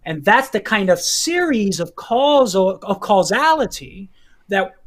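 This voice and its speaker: Deliberate man explaining, with a cough. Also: sits high, sing-song. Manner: deliberate, repeats phrases, checks in with okay. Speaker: guest teacher. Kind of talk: explaining philosophy to hosts.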